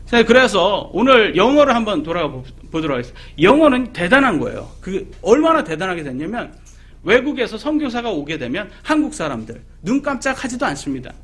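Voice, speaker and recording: Lively, breathy male preacher. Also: high-pitched, a little fast. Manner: animated, asks the audience questions; acts out quoted people in voices. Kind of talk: sermon.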